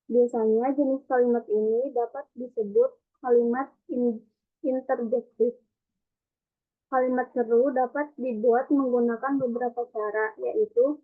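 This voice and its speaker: A young woman student presents class notes, reciting them carefully and evenly. Her voice sits fairly high. The recording sounds thin and tinny, like a phone line. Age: young adult. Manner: even, careful recitation of a script.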